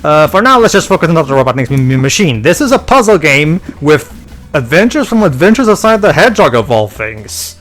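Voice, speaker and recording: A man hosting casual video game commentary, halting and often repeating words as he explains. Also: fairly high pitch, big pitch swings, fairly bright tone, soft background music.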